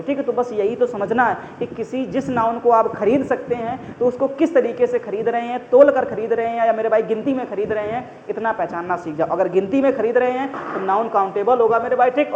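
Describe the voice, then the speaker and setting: A man's voice: sits high, darkish tone, echoey room, big-room sound. Brief: friendly male grammar teacher, repetitive, muffled lo-fi recording with faint hiss. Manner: chatty, repetitive, keeps calling listeners brother; everyday examples, constant checking-in fillers. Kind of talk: casual exam-prep grammar lesson.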